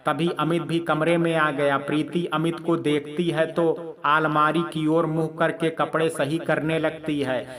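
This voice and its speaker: A man's voice: a little high, measured pace, hardly any pauses, crowd noise. Man narrating a dramatic story. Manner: steady, descriptive storytelling.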